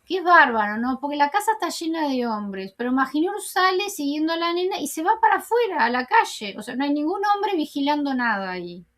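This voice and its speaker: A woman's voice: high-pitched, big pitch swings, fairly quick, hardly any pauses, a bit bright. A woman recapping a TV episode in a chatty way, full of fillers and asides. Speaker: YouTuber recapping Turkish TV episodes. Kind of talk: casual spoken episode recap.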